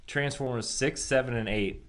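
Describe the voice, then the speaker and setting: A man co-hosts a podcast, talking casually about movie and game news with slangy, opinionated takes and a habit of saying "dude." His voice is mid-range and his pace moderate.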